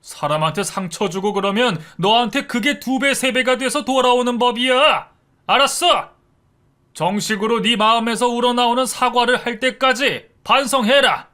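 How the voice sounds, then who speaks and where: A man voicing an angry, strict father who shouts as he scolds his young son in a narrated story. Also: medium pitch, moderate pace, pitched above the performer's own voice, natural voice. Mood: furious.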